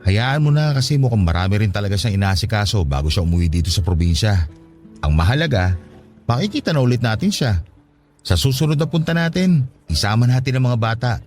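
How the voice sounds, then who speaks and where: Over faint music, a male actor with a Filipino accent voices an affectionate, trusting, eager older brother from the province in an emotional radio drama. His lowish, slightly mellow voice is fairly quick with lively intonation, close to how he'd talk every day. The mood is hopeful and reassuring, the delivery exclamatory and swooping.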